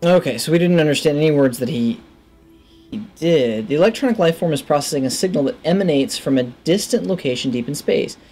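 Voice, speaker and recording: Speaking a little fast in a slightly mellow voice on the high side, a man in his thirties hosts a gaming video with soft music in the background. He thinks out loud into his headset as he plays, giving casual let's play commentary and reading game text aloud.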